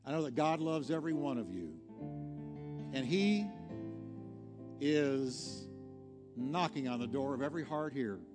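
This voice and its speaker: A pastor speaks expressively and a little slowly, leaving long pauses, in a medium-pitched voice. His sermon builds to an altar call, earnest and exhorting, with short, emphatic phrases repeated for effect. Long hall reverb and music accompany him.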